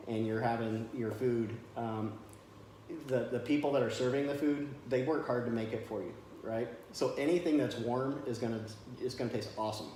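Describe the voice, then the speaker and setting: A military veteran being interviewed, telling stories in a chatty, good-humored way. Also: male voice, mid-range voice, a little mellow. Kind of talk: casual storytelling in an interview. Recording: very echoey room with faint noise.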